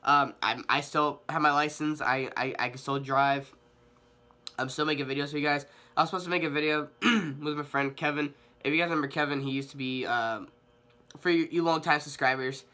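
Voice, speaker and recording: A young vlogger gives his viewers a casual update, his bright, forward voice sitting a little high and slightly nasal from a cold. He talks a little fast with fairly even intonation, rambling and hesitating with frequent ums and false starts.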